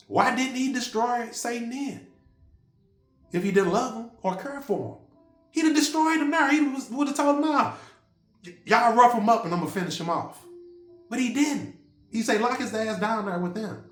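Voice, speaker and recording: A man delivering a fiery, rambling religious monologue, blunt and profane. His pitch swings up and down constantly. The voice rings out in a roomy, echoing space with faint music underneath. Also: a bit bright. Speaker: self-styled preacher.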